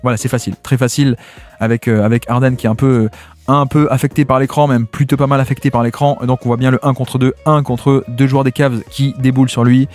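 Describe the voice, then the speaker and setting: A man's voice: mid-range voice, little pitch movement, fast talker, a little mellow, soft background music. Man breaking down basketball plays. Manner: explanatory, acts out players in first person, frequent "hein" and "hop". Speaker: basketball tactics analyst. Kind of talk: video breakdown commentary over game footage.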